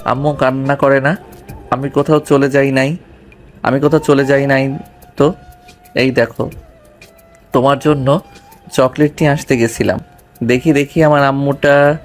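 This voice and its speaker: A man playing a calm, firm young husband and gentle father in an audio drama. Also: medium pitch, measured pace, pauses often, faint music behind, natural voice. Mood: tender. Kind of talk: Bengali audio drama acting.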